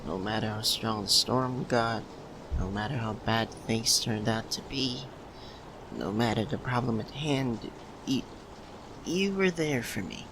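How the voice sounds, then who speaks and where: A male voice actor plays a nervous, lovesick young man in an audio roleplay, speaking very slowly in a mid-range voice as though to his childhood best friend. He halts and stammers with pauses in a tender, nostalgic ASMR monologue to the listener, over a noticeable steady background ambience.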